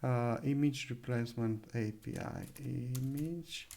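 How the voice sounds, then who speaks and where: A man's voice: medium pitch, slow pace, creaky, warm tone. A man narrating a live coding screencast, thinking aloud with many fillers and self-corrections, at a desk microphone. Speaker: coding tutor. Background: keyboard typing and clicks.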